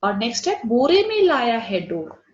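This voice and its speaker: Woman, Hindi teacher, fairly high voice, slow spelled-out examples, English glosses, roomy echo, dull lo-fi sound. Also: sing-song. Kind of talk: online class lesson. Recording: echoey room, dull lo-fi audio.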